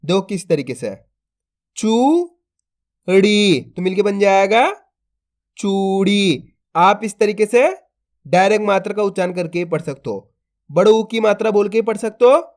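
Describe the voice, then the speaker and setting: A man's voice: high-pitched, a little fast. A man teaching a phonics lesson, sounding out each syllable and then stretching the blended word, speaking patiently to viewers he calls friends. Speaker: Hindi reading teacher.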